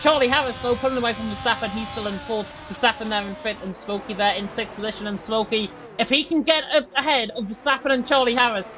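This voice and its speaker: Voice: mid-range voice, fairly even intonation, quick pace, few pauses, noisy background. A motorsport commentator giving urgent, running play-by-play of an esports race live.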